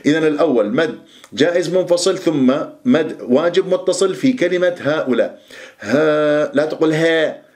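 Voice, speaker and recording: A middle-aged man teaching Quran recitation rules, explaining quickly and then reciting words slowly as models. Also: on the high side, a little mellow. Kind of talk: tajweed pronunciation lesson.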